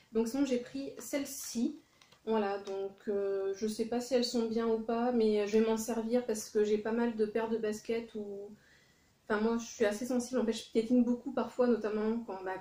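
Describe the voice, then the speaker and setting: A woman's voice: a little high, dark tone. A woman chatting casually through a shopping haul, with many fillers and self-corrections. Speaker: vlogger. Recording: echoey room.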